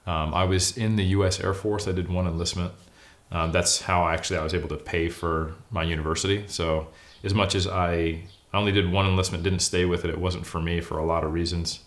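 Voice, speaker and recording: With a low pitch, fairly level intonation and a slightly fast delivery, this American guest, a forty-year-old Californian bodybuilder and academic, chats casually. He talks candidly about himself in a self-deprecating manner during the interview, telling personal stories.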